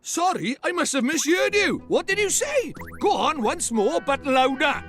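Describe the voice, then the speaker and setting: Brash little Welsh fairy lord, fantasy game: very high, cheeky, blustering, highly animated delivery. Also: male voice, a little slow, faint music behind, heavily acted. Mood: exasperated. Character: brash, chatty, self-important little fairy lord, male.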